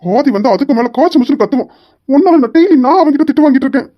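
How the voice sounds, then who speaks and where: A woman's voice: on the high side, fairly quick, highs cut off, natural voice. A woman playing a harried young man, an office boss and boyfriend, who scolds his late girlfriend. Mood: exasperated. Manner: exasperated, scolding. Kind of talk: amateur romance skit.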